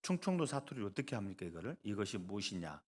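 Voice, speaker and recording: A male pastor delivering a sermon, moving between loud emphasis and soft asides and joking with the congregation. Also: on the low side, big pitch swings, quick pace.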